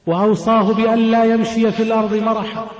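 A man delivers a sermon in a high, fairly flat voice, stepping through his points and repeating phrases for weight. His voice rings out in a large prayer hall with a long, echoing tail. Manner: measured, repeats phrases for emphasis. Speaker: preacher. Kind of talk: Friday sermon. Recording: echoey hall with long reverb.

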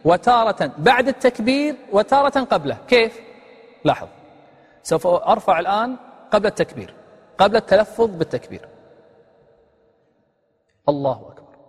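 A man's voice: high voice, breathy edge, big-room sound. A man giving a religious lesson on prayer. He poses rhetorical questions and demonstrates the phrases he teaches.

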